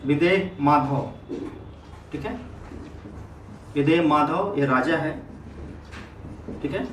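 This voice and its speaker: Male teacher, high voice, classroom lecture, keeps checking the class follows, recorded from a distance. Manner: keeps checking understanding with quick questions; repeats key terms for emphasis. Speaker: history teacher. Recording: echoey room, mic at a distance, faint noise.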